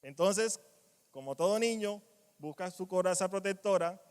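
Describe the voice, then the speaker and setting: A man preaching a sermon in a church, animated, acting out quoted cries and dropping to quiet asides. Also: high voice, moderate pace, clear, resonant tone. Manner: animated, acts out quoted voices, strong swings in loudness. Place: church hall. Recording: long church reverb.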